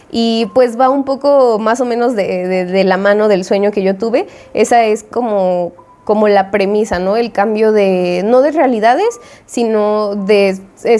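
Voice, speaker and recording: A woman's voice: a little high, mellow. A young woman with a Mexican Spanish accent telling a story in a chatty, slangy way and acting out her own reactions. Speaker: indie game developer and vlogger. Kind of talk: casual storytelling.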